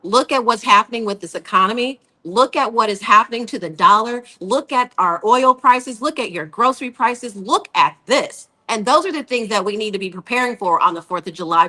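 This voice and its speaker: A woman's voice: a little high, lively intonation, a little fast, hardly any pauses, sharp tone. A woman co-hosting a casual political podcast, ranting bluntly with profanity.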